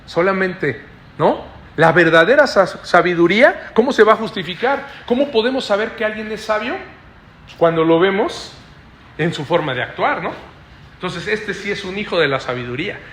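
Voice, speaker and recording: Bright-voiced man preaching in an echoey room. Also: high-pitched, animated, a little hiss or hum. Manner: keeps adding questioning "¿no?" tags to the listeners; explains slowly, repeating phrases. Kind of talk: Bible study sermon.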